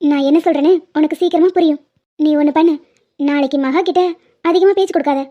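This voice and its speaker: A woman's voice: sits high, fast talker, natural voice. A woman voicing a bossy young college student who lectures her friend in a cartoon. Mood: warning. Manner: scolding, lecturing. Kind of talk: animated cartoon voice acting. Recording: dull lo-fi sound.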